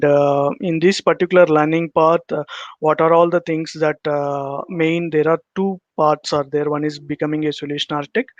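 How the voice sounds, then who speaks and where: A man presents over a video call, halting and full of fillers. His slightly high voice stays flat and level. The call audio is dry and muffled. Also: dry recording. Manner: halting, many filler pauses. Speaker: guest speaker. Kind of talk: technical presentation.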